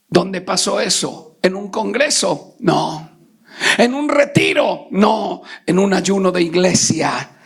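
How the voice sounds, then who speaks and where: A man from Colombia preaching a Pentecostal sermon, moving between shouted preaching and quick, hushed storytelling and calling out to the congregation. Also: sits high, vocal fry, breathy edge. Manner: calls out to the congregation. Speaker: pastor. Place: church sanctuary.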